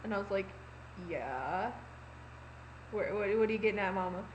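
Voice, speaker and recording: A young woman records a casual confessional vlog at home on her laptop's webcam mic, racing through it in a flat, medium-pitched voice. She rambles with plenty of fillers and acts out quotes, and the lo-fi sound carries a little hiss or hum.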